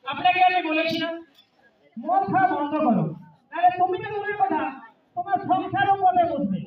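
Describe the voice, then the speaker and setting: A man's voice: very high-pitched, moderate pace, narrow, tinny audio. A man playing an exasperated show presenter in a live comedy skit, nagging insistently and repeating himself as he urges sobriety. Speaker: stage straight man and presenter. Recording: distant, heavily echoing stage sound.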